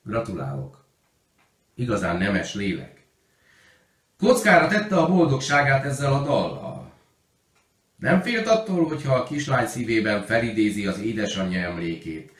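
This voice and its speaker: A man voicing a stern but kind older headmistress, speaking in a hushed, near-whispering way in a roomy recording. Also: fairly low pitch, very animated, long pauses, far from the mic. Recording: roomy echo.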